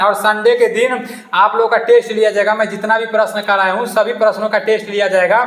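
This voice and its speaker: A man coaches exam students through a quiz, asking each question twice before giving the answer. His high-pitched voice is a bit bright and sounds echoey in the room.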